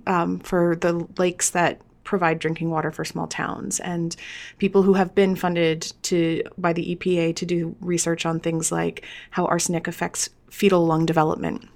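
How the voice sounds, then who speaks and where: A woman in her thirties speaks in a low, fairly flat voice. Her articulation is a little thick, as if she had marbles in her mouth. She talks casually and haltingly, often tagging on a check for agreement. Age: 30s. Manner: informal, hesitant, seeks agreement with "right?" and "you know". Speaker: scientist guest on a podcast. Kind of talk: casual panel discussion.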